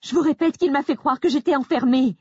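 A woman voicing a frightened young wife who pleads and accuses in a shrill, near-hysterical voice, from an audiobook. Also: expressive, normal speed, a little mellow, slightly rough, dry recording, dull audio. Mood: panicked. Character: frightened young woman insisting on her story.

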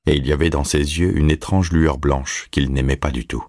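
Un homme qui lit un roman en livre audio, d'un ton posé et régulier. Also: male voice, extremely low pitch, no room sound, clean studio sound. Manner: steady, measured storytelling. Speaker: narrator. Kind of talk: audiobook reading.

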